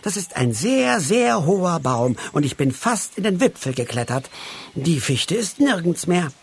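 A man voicing a small, excitable man in tin armor in a storybook reading, with high, drawn-out exclamations. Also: slightly rough, heavily acted. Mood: eager.

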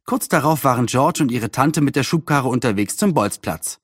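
Guy reading a kids story out loud, really lively, dry studio sound. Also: mid-range voice, moderate pace, dry recording. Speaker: narrator.

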